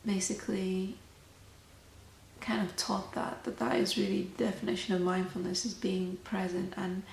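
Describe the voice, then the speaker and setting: A woman talks in a soft-spoken ASMR chat, gentle and unhurried. Her voice has a noticeable creak, and it sits in a roomy, echoing space with faint noise behind it. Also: mid-range voice, flat delivery. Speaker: host of a tea meditation channel.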